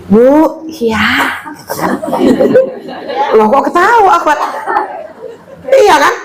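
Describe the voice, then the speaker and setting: A woman with a big, powerful voice, from West Sumatra, giving a lively religious study talk to women, loud and playful and acting out quoted speech. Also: very high voice, slow pace, a crowd in the background, rough recording. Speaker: female Islamic teacher.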